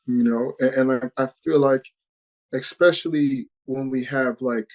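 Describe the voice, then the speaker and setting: A man speaks in a mid-pitched voice as a guest on a video call. He sounds earnest and reflective and often trails off with "you know." He talks loosely, as in casual conversation. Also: steady tone, unhurried, a little mellow, low-quality recording. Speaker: actor guest.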